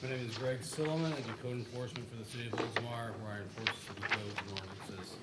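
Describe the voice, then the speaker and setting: A man's voice: lowish voice, steady tone, quick pace, very noisy. An American man testifying formally as a code enforcement officer. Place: public hearing room.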